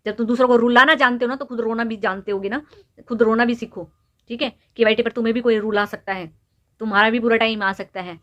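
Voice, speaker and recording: Speaking fast with a fairly high, fairly even voice that has a slight brightness, this young woman YouTube vlogger scolds someone straight to camera. She keeps hammering her points with rhetorical questions in this opinion rant, and the audio is dull.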